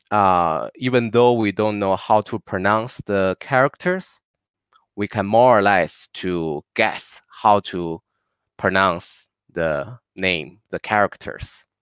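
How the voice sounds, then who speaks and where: A man whose first language is Chinese teaches an online lesson, speaking slowly and haltingly, with many filler sounds, and switching between Spanish and English. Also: lowish voice, a bit bright, clear, resonant tone, dry recording, studio quality.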